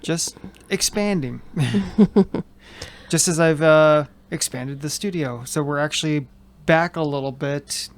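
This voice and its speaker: Speaking slowly in a higher register, a host chats casually from his home studio, rambling and joking in a relaxed way. He uses headphones with a mic, and the sound has no echo.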